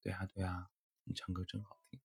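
A man's voice: sits low, completely flat delivery, brisk, a little hiss or hum. A man voicing a kind, teasing young girl fox in a storybook tale, playful and caring.

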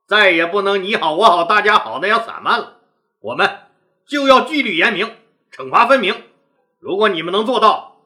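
A man's voice: high-pitched, exaggerated voice. A man voicing a stern older rebel leader who lays down harsh orders with force. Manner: forceful, threatening. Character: stern, commanding older male rebel chief.

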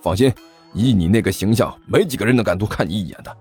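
A man's voice: on the low side, lively intonation, quick pace, a little mellow, breathy edge, faint music behind. A man doing a fat, grumpy scolding man. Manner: scolding, exasperated.

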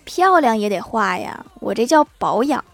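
A woman's voice: a little high, big pitch swings, moderate pace, background noise. A woman reading short comic anecdotes aloud as a joke narrator, chuckling at the punchlines. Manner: storytelling delivery that chuckles at the punchlines.

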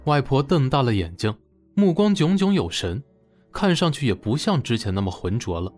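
A young man narrating a first-person audio drama and voicing its lead, with expressive delivery. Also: moderate pace, faint music behind. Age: young adult. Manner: expressive, swinging pitch.

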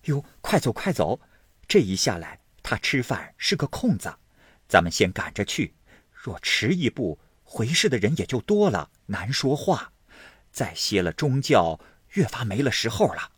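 A man voicing a shrewd, talkative middle-aged housekeeper woman in a spoken storybook, brisk and knowing in manner. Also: fairly low pitch, very animated, husky, no echo, studio quality, exaggerated voice. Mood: hurried.

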